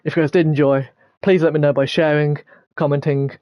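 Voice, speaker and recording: A young man with a slightly high voice hosts a casual let's-play. He reads game text aloud and trips over words now and then. The sound is close and dry, a little dull and lo-fi. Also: level tone, fairly quick, no echo. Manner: stumbles over words when reading aloud. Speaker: gaming video host.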